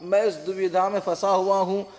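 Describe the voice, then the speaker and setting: A man's voice: high voice, little pitch movement, moderate pace, darkish tone, long reverb tail. A man teaching an online exam-prep lesson on translation, patient, repeating terms and checking that listeners follow. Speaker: Urdu-Hindi translation teacher.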